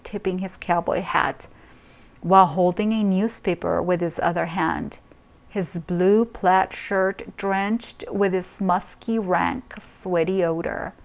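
Slow-talking woman novelist, chatty and rambling. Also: fairly low pitch. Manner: rambling and chatty, with self-corrections. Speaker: romance novelist. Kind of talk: casual vlog chat and reading her own novel.

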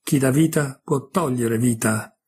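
Man reading as a vengeful river goddess, husky. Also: mid-range voice, unhurried, a little mellow. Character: vengeful old mother river goddess, stern.

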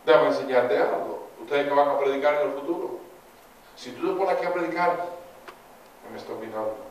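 A man preaching a sermon in a chapel, animated, asking the congregation rhetorical questions. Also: a little high, brisk, a little hiss or hum. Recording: echoey chapel from far off.

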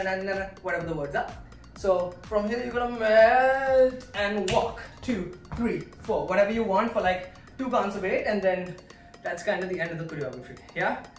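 A woman's voice: mid-range voice, normal speed, far from the mic. Woman counting dance steps in an echoey room. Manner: counts beats and breaks down moves while demonstrating. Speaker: dance instructor. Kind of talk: choreography tutorial. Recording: echoey room, voice off-mic, faint music.

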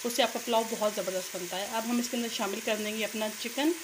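A woman hosting a cooking channel, calmly explaining a recipe step by step in voice-over narration. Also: fairly high pitch, fast. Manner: calm step-by-step instruction. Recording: noisy kitchen, sizzling pot.

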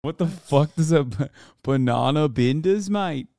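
A man's voice: a little high, animated, measured pace, dark tone, no echo, clean studio sound. A man in his thirties hosting a casual stream, putting on an exaggerated mock Australian accent full of crude, profane slang. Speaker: streamer host.

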